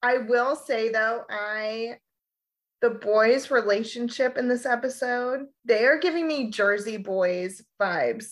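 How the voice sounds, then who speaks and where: A woman co-hosting a podcast in casual chat, sarcastic and animated, swearing freely. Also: a little high, slow pace. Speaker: podcast co-host.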